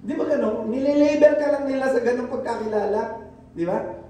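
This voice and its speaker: A man's voice: very high voice, a little fast, dark tone. A male pastor with a Filipino accent preaching a conversational sermon in church, often asking the congregation questions and mixing in English. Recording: echoey church hall, mic from a distance.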